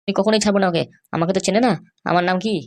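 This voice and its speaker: A woman voicing a hot-tempered young husband in a cartoon, threatening and shouting insults. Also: mid-range voice, fairly even intonation, racing, lightly acted. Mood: resentful. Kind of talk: cartoon voice acting.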